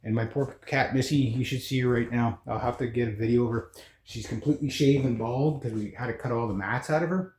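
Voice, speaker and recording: Man, casual vlogger, informal, rambling, halting self-interruptions, echoey indoor room. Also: mid-range voice, steady tone, a little mellow. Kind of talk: casual rambling house-tour vlog. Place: indoors in an old house room.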